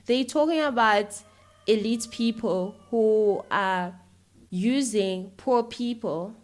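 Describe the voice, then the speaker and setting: As a guest on a podcast, this South African filmmaker and YouTuber speaks a little high and slowly in casual, opinionated interview talk. She's emphatic and frequently makes sure the listener is keeping up.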